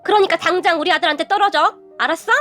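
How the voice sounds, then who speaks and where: A woman voicing a furious, snobbish middle-aged mother who shouts scornfully. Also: extremely high pitch, fast, soft background music, voice pushed up. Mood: angry.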